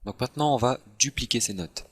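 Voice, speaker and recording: A man calmly walking through software steps in a screen-recorded tutorial, with self-mocking asides. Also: mid-range voice, a little fast, breathy edge. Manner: relaxed step-by-step explaining, self-mocking asides. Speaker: tutorial host.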